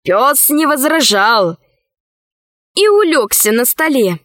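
A woman reads a children's audiobook with a high, animated, sing-song voice. She takes her time over each phrase, recorded close and completely dry. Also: slow pace, no room sound. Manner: expressive, sing-song storytelling. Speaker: storyteller.

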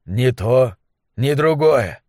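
A man voicing a gaunt, bitter old male scientist of monsters, with a hoarse, wheezing voice and slow, mocking speech. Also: mid-range voice, lively intonation, a little mellow, no echo, clean studio sound. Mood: weary.

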